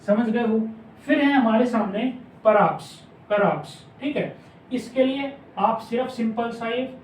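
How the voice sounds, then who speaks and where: A man teaching a shorthand class, explaining step by step and slowly repeating each word, asking questions back to his students. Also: extremely high pitch, a little mellow, far from the mic, a little hiss or hum. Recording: echoey room, mic some way off.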